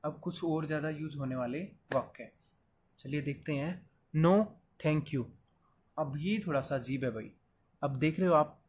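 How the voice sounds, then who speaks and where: There's a faint hiss or hum behind this man, whose voice is fairly high yet darkish in tone. He gives a chatty Hindi lesson on English phrases, explaining each step and treating the viewer as a friend he calls "brother."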